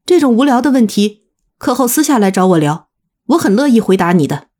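A woman voicing a composed male university teacher who answers a heckling student with measured, firm reproach in an audiobook. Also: on the high side, big pitch swings, mellow.

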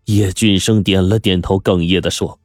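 A man's voice: sits low, steady tone, normal speed, darkish tone, no room sound, clean studio sound, soft background music. A man narrating a story with dramatic delivery, the host of the show. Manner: dramatic, swings into character voices.

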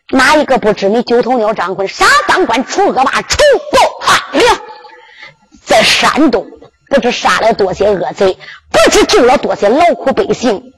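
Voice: mid-range voice, a bit bright, breathy edge. Storyteller voicing a hearty, insistent prison guard with a Henan accent. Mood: admiring. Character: bluff, good-hearted male prison escort. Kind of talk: Henan zhuizi sung storytelling.

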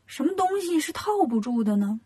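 A woman voicing a brash, impatient male monkey king in a children's storybook, loud and teasing. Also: high-pitched, big pitch swings, moderate pace.

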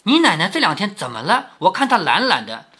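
A man reads out a poised young maid from a classic novel, steady and reassuring, with a firm edge. His bright, slightly breathy voice moves with lively pitch, as in a storybook reading. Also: fairly quick, heavily acted. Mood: concerned. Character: composed senior young maid, kind but firm.

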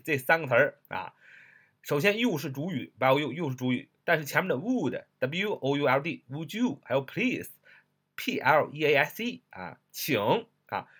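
Lively husky male English teacher. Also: on the high side. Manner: animated, spells words letter by letter, repeats phrases slowly. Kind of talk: lively recorded lesson.

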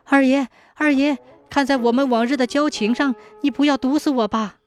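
A woman voicing a whiny, craving middle-aged opium addict who calls out loudly and pleads. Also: medium pitch, lively intonation, normal speed, soft background music, lightly acted. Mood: begging. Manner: loud, pleading outbursts.

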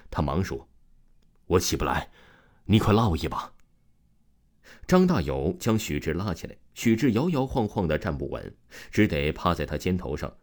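A man narrating a serialized ghost story in a lively, dramatic storytelling manner. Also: low voice.

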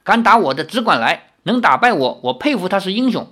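The narrator voicing a haughty, fiery young swordswoman in an audiobook, with a shrill, imperious, quick-tempered manner. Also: big pitch swings, pushed and bright. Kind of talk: audiobook character voice.

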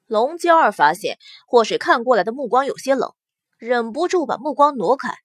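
A woman's voice: a little high, animated, normal speed, dry recording. A woman narrating a novel as scripted audiobook narration, telling the story expressively. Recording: dry close studio sound.

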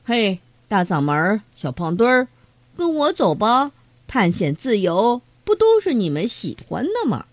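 A woman's voice: medium pitch, sing-song, measured pace, dry recording. A woman voicing a bold, adventurous boy in a read-aloud storybook, talking in a cheerful, inviting way. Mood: coaxing.

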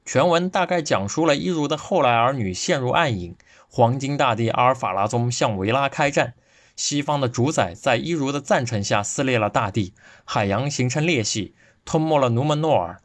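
A man's voice: mid-range voice, dry recording. Man reading a lecture in a dry studio. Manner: steady, measured reading from a script. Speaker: guest podcast presenter. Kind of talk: scripted podcast lecture.

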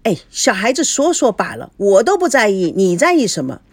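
A woman voicing a flirtatious, smooth-talking middle-aged man in a storybook reading, with a wheedling, glib manner. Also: mid-range voice, wildly swooping pitch, normal speed, no echo. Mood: flirty, glib.

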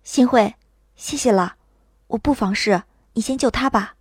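A woman playing a high, spirited young heroine. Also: moderate pace, dry recording, studio quality, close to an everyday voice. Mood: gentle. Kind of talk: audio drama acting.

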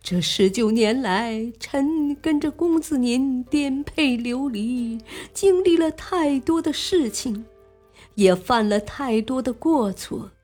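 A woman's voice: high voice, animated, a little mellow, soft background music, voice pushed up, heavily acted. A woman voicing a tearful old courtier. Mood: tearful pleading. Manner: slow pleading lament. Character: tearful old male courtier begging leave.

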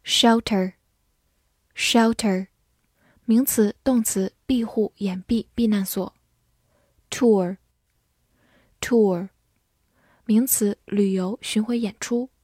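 A woman teaching English vocabulary, saying each word twice and then listing its meanings in a measured, drilling way. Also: medium pitch, steady tone, darkish tone, dry recording, studio quality.

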